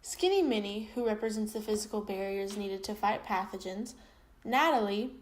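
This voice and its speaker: A woman with a mid-pitched voice reads an educational explanation aloud. Her delivery is steady and informative. A faint noise sits underneath. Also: normal speed, rough recording.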